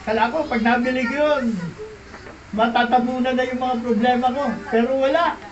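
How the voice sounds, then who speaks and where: High-voiced pastor in an echoey hall. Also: male voice, steady tone, moderate pace. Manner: dramatic storyteller, questions the audience. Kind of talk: testimony sermon to a congregation. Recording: echoey hall, distant mic, dull sound, background noise.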